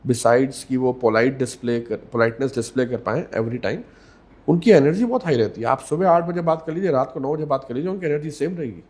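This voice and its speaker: A man speaking as a communication coach in a podcast interview, measured and emphatic, repeating key words and slipping English phrases into Hindi. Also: medium pitch, a little mellow.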